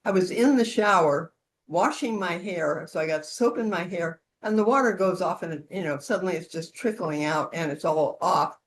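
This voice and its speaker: A woman leads an informal, conversational instructional session, demonstrating peer-support calls through role-play. Her voice is on the low side and moderately paced, and the audio quality is poor.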